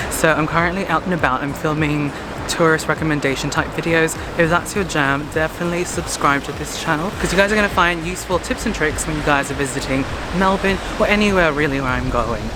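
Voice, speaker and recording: Vlogging casually to camera on a city street, a man from Hong Kong speaks with a Hong Kong English accent and a fairly high pitch. He chats to viewers, calling them "you guys" with many "um"s, while loud traffic and street noise fill the recording.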